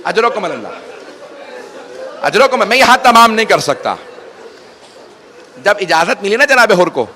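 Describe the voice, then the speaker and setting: A man's voice: high-pitched, sing-song, pauses often, bright, forceful tone, a faint crowd. A man, a cleric reciting a mourning sermon to a gathering, urging his listeners to weep and drawing out his phrases in grief. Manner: urges the audience to weep, stretches phrases in grief-laden recitation.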